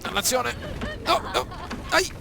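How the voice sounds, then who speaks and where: A man doing excitable let's-play commentary, often exclaiming and addressing viewers. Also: very high voice, slow, creaky, a crowd in the background, background noise. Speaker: gameplay commentator.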